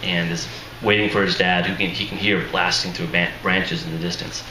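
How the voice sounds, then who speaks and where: This low-pitched man speaks at a moderate pace with fairly even intonation, sounding tired and strained. He's an author presenting his book at a live reading, keeping it casual and self-deprecating with chuckling asides. Echo and background noise from the audience fill the recording.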